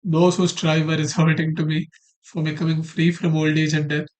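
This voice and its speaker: A man with a high-pitched voice takes part in a scripture study group. He is inquisitive and casual, asking about meanings and reading translated verses aloud. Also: monotone, moderate pace.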